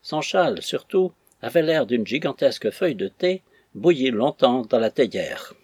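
A man reading a classic novel aloud in measured storytelling narration. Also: mid-range voice, lively intonation, darkish tone, slightly rough, dry recording, studio quality. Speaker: audiobook reader.

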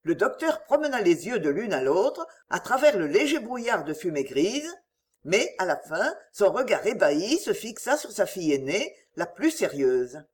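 A woman's voice: medium pitch, sing-song, moderate pace. A woman narrating a novel as an audiobook, reading expressively and voicing each character.

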